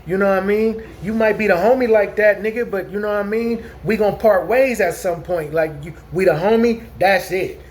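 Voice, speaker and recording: A man in his forties with a high voice talks fairly quickly, hardly pausing. As a vlogger spinning a long, rambling story in a casual vlog, he keeps restarting sentences and asking "you know what I'm saying" to confirm his listeners follow.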